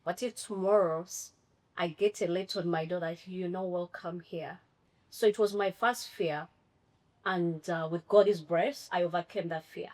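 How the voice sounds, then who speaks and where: A woman's voice: fairly low pitch, steady tone, moderate pace, darkish tone. A woman telling a personal story on a panel in an earnest way, quoting the people involved as she goes. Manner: earnest, storytelling, quotes others. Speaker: former trades student.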